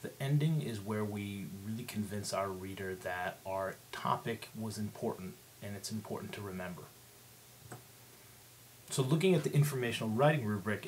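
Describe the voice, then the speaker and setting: A man's voice: fairly low pitch, slight background noise. A male teacher giving a casual, step-by-step writing lesson that leans on rhetorical questions. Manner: conversational, explanatory, asks rhetorical questions. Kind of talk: instructional screencast lesson.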